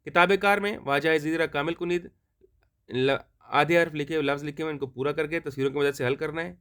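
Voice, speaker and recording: Man teaching Farsi, slow clear drills. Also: fairly high pitch, steady tone, a bit bright. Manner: reads Farsi sentences slowly and clearly for pronunciation, explains quickly in Urdu. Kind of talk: language lesson explained in Urdu.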